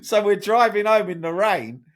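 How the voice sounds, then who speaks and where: A man, a podcast guest, telling a lively personal story in a casual, animated way. He swears freely and often tags his sentences with "right?". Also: sits high, normal speed. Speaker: podcast guest, journalist and broadcaster.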